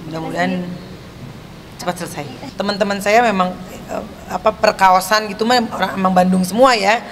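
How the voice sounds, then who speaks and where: A man speaks softly in a casual interview, often repeating his words. Clear outdoor noise is audible behind him. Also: sits high, steady tone, fairly quick.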